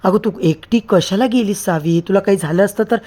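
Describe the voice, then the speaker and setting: A man's voice: sits high, fairly quick, dark tone. A man voicing a worried young man asking where his beloved went. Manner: worried, questioning.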